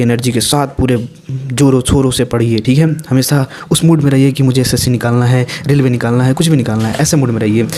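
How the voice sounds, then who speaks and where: A man giving a casual exam-prep vocabulary lesson, talking in a lively, playful way with chatty asides. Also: medium pitch, a little hiss or hum. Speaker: vocabulary teacher.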